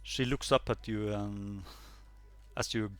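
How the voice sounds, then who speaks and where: A man's voice: on the low side, steady tone, takes it slowly, a bit bright, no room sound. Hesitant male game master, dry sound. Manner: hesitant, many fillers, laughs often. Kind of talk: narrating a tabletop game.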